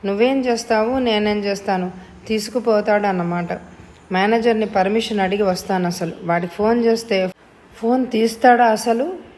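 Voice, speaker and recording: A woman's voice: medium pitch, normal speed, a little mellow, close to an everyday voice. A woman voicing an anxious mother at work, talking urgently on the phone. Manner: urgent, pleading. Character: anxious young mother, bank employee.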